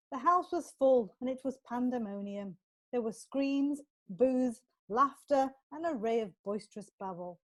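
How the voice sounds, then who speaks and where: A woman playing a brisk, exasperated lawyer questioning a defendant in an amateur courtroom audio drama. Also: on the high side.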